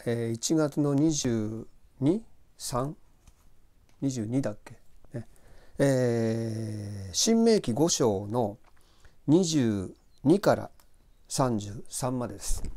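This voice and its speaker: A middle-aged man giving a relaxed Bible commentary, rambling in a friendly way with plenty of fillers. His voice is mellow and dark, and his pitch rises and falls with a lot of life. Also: takes it slowly, long pauses. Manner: chatty and loose, with many fillers and asides. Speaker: host of a Bible talk channel.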